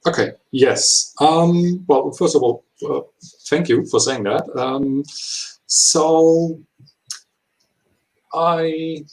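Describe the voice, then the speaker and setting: A man of 39 who is not a native English speaker gives interview answers in halting, imperfect English full of hesitations. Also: on the high side, rough recording. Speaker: HR professional being interviewed.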